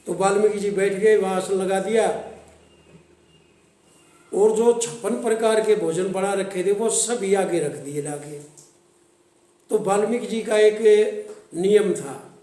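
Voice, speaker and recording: A man telling a devotional story to his channel's viewers, reciting verses slowly and then explaining them. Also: high voice, dark tone. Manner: slow, recitative when quoting verses. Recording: echoey room.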